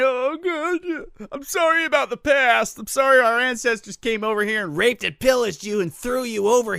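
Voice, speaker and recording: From a radio studio, a man with a high-pitched, sharp voice hosts a solo talk radio show, reading local news stories and ranting about them with sarcastic, joking asides. The studio-quality recording has no echo.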